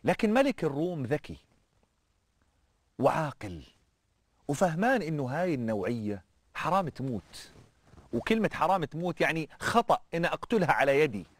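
A male preacher, telling a story in a sermon with an animated, fervent delivery and colloquial asides. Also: on the high side, brisk, pauses often, dry recording.

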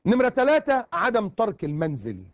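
A man's voice: sits high, wildly swooping pitch, brisk, no room sound, muffled recording. A man preaching a colloquial sermon in an Egyptian accent, emphatic and repeating words for stress.

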